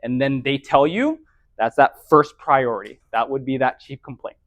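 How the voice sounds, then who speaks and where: A young man teaching an EMT class in a casual, lively way, often acting out patient conversations. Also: medium pitch, moderate pace, no room sound. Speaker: EMT instructor. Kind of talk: classroom lecture.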